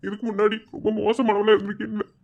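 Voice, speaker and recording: A man's voice: high-pitched, monotone, fast, gravelly, narrow, tinny audio, pitched above the performer's own voice. A man voicing a remorseful young village woman who speaks earnestly in Madurai Tamil. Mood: regretful. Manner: regretful, earnest.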